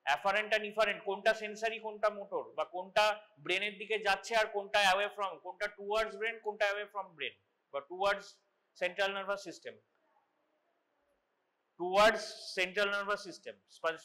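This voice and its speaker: A male lecturer teaches anatomy in a classroom. His voice sits high and sounds bright. He explains step by step, often restarting phrases and switching into English terms. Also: fairly even intonation, unhurried.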